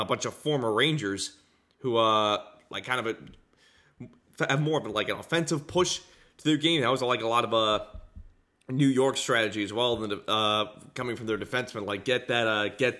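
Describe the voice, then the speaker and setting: Bright-voiced man, halting sports talk. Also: mid-range voice. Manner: halting, repetitive, searching for words. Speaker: sports podcast host. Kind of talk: unscripted hockey game analysis.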